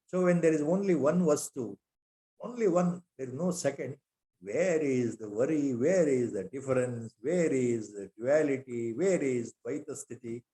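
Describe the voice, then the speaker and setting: A man's voice: medium pitch, normal speed, mellow. Indian man giving a spiritual lecture. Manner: repeated rhetorical questions; recites Sanskrit verses. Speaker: spiritual teacher.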